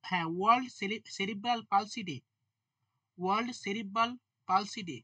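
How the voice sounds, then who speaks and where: A man teaching a current affairs exam-prep class, dictating quiz questions slowly and spelling words out letter by letter, with chatty asides to his students. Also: high-pitched, bright, forceful tone, no echo.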